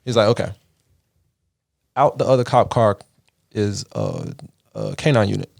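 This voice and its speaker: A man's voice: fairly low pitch, huge pitch swings, a little slow, gravelly, a little mellow. A man from the Caribbean, hosting a podcast, telling a story in a casual, profane way and acting out the voices he quotes. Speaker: podcast host.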